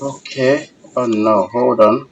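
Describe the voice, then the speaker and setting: Far from the mic on lo-fi audio, a slow, slightly rough, medium-pitched voice with fairly even intonation belongs to an online technical course instructor. He teaches live, takes questions, courteously addresses learners as sir, and repeats phrases for emphasis.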